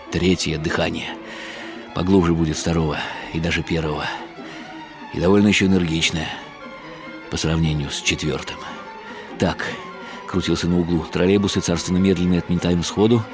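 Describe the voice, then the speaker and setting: Speaking in a low voice that's close to how he'd normally talk, an actor serves as narrator and main character of a radio drama. He portrays a weary middle-aged writer whose inner monologue relates his story with dry irony.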